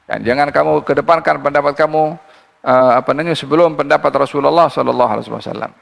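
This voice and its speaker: Male religious teacher, gravelly, lecturing under long reverb. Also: on the high side. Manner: recites Arabic verses slowly, then explains in a lively teaching voice. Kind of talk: Quran commentary lecture.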